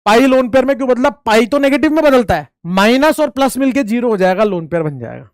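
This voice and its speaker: Talking fast in a very high, animated voice, a man runs a casual chemistry class, joking with and teasing students like friends. He repeats the important points and asks questions only to answer them himself, all captured in a dry, clean studio recording.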